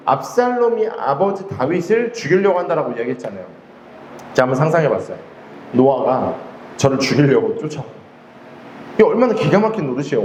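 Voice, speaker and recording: A man's voice: sits high, a little mellow, a little hiss or hum. A male pastor preaching a sermon in a conversational way, often asking the congregation questions. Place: church hall. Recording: echoey hall with faint ambience.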